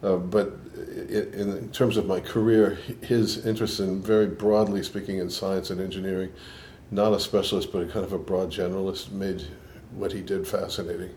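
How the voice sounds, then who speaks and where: A deep, dark voice with a level tone comes from an older scientist from Boston recalling his life in an interview. His accent combines Boston and New York, and his reflective answers, thoughtful with frequent restarts, come at normal speed with few pauses over a little hiss or hum.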